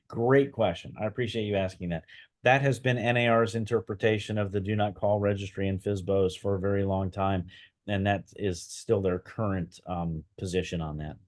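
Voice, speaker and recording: A man's voice: lowish voice, steady tone, moderate pace. A man running a real estate training session over a video call, telling stories in a conversational way with frequent fillers. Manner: conversational storytelling, many fillers. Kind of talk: online training talk.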